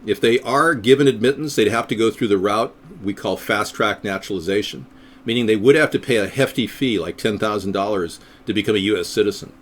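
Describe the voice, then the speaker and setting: A third-party candidate, middle-aged and from the United States, talks fairly quickly in a fairly low voice while hosting his own live stream. His style is meandering and sardonic, with occasional silly voices thrown in.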